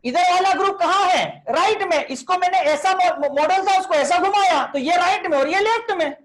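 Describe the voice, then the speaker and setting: A man's voice: very high voice, moderate pace, a bit bright. A man teaching a chemistry class online, chatty and coaxing, scolding students by name and mixing English terms into his talk.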